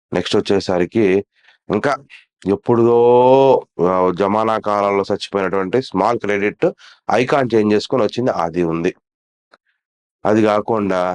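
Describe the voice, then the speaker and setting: A man's voice: on the low side, a little mellow. A man hosting his own online channel, talking casually and earnestly to viewers, scolding and repeating phrases for emphasis, with a Telugu accent. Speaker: YouTube channel host. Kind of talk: casual talk to camera.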